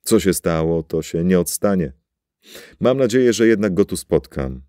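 A weary, regretful man, read by a male narrator in a low, dark voice. He talks in a subdued, sighing manner, as in a storybook with a dry recording. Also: animated, normal speed, dry recording.

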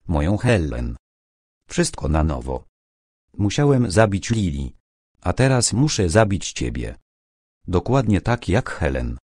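A mild-seeming old doctor reveals himself as a killer, his voice deep and slow as he closes in, played by a man narrating a storybook. The delivery is dry and close, rising and falling with obsession. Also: no room sound, exaggerated voice. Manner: quiet, obsessive, creeping menace. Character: older male doctor, a calm killer turned menacing.

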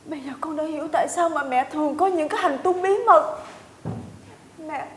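An actress playing a fussy, nosy, dramatic daughter-in-law in a TV comedy sketch. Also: female voice, high voice, brisk, a bit bright, roomy sound. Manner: whiny, dramatic, prying questions. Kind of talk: TV sitcom acting.

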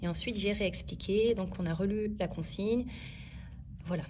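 A woman's voice: mid-range voice, normal speed, noisy background. A woman in her thirties filming a vlog at home, chatting and explaining as she teaches her children. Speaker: home-schooling mother. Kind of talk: casual vlog narration and teaching.

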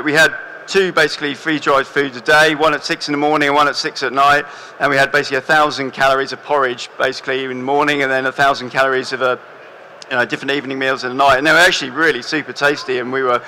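Bright-voiced young man presenting on stage. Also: mid-range voice, fast, a little hiss or hum, rough recording. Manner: relaxed, many fillers and restarts. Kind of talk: stage talk with slides. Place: large hall with audience.

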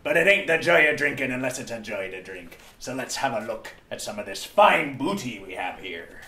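A man's voice: medium pitch, sing-song, moderate pace, sharp tone. A man hosting a comedic drinking and painting show, talking like a pirate the whole way through in a hammy put-on manner. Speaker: host. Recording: roomy echo, mic at a distance.

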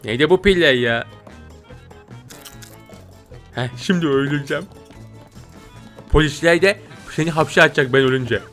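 Brief: young male streamer, bright forceful voice, excitable game commentary with squeals, music underneath. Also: normal speed, pauses often. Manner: excitable, jumps to high squeals and shouts. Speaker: gameplay streamer.

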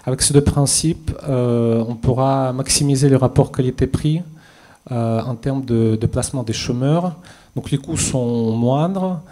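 Holding a handheld mic on a conference stage with an audience present, a policy expert in his thirties gives a prepared panel statement. He sounds measured yet hesitant, his mellow mid-range voice broken by frequent fillers and restarts.

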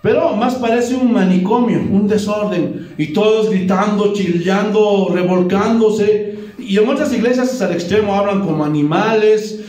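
Brief: Bolivian male pastor, high voice, animated sermon, recorded from a distance in a roomy church. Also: normal speed. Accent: Bolivian Spanish. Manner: animated preaching, frequent "Gloria a Dios". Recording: echoey room, voice from far off.

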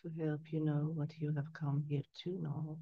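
A woman in her sixties speaking as a trance medium, solemnly delivering a spiritual message in measured phrases with long pauses. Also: deep voice, completely flat delivery, husky. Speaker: trance channeler. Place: small candlelit room indoors. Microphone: headset boom mic. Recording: dull, lo-fi headset sound.

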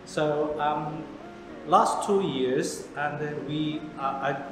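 A man in his forties, originally from South Korea, a pastor speaking in halting second-language English with many fillers, interviewed in a church hall. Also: a little high. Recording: echoey hall with background music.

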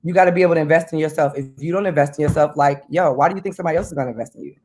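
A woman in her thirties on a video call from home, talking in an animated, emphatic way about money and business. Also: deep voice, very fast. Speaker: guest, business owner. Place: home room indoors. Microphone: video call webcam.

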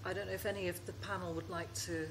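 A woman with a fairly low pitch talks quickly and flatly over a noisy background. She is moderating a literary panel in front of a live festival audience, warmly thanking the writers and asking them questions, though she hesitates and says um a lot.

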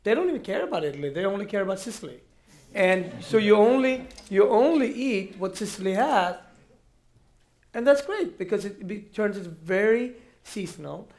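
A man from Ethiopia speaking on a stage panel, animated and restarting often. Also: sits high, moderate pace. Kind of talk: panel discussion. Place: large auditorium stage. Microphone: headset mic.

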